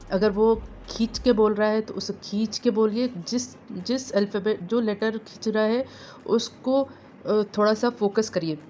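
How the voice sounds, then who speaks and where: A woman teaching parents phonics, drawing out each letter sound slowly and patiently as she explains how to blend them. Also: medium pitch, darkish tone. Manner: slow, drawn-out sounding of letters. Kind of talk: home phonics lesson.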